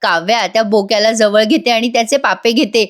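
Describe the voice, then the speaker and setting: A woman's voice: a little high, brisk. A woman doing a voice-over review of a serial episode, amused and chatty, talking straight to viewers. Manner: gossipy, amused, addresses viewers.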